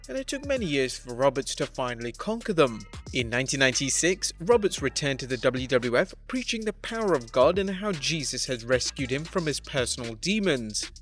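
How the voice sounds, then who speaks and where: Male countdown narrator, mid-pitched, even and dry, reading over soft background music. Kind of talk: scripted narration. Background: faint background music.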